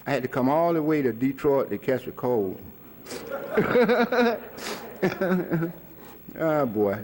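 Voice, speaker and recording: Older man, slow lively storyteller. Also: fairly high pitch. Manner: colloquial, chuckles often. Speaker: speaker recalling a mentor. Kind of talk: storytelling talk to an audience.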